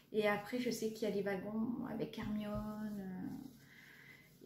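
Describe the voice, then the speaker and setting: In a rambling, casual show-and-tell, a French cross-stitch vlogger in her thirties talks about her stitching, hesitant and chatty, with lots of fillers and jokes at her own expense. She has a soft, mellow, mid-range voice, picked up in an echoey room with a faint hiss behind.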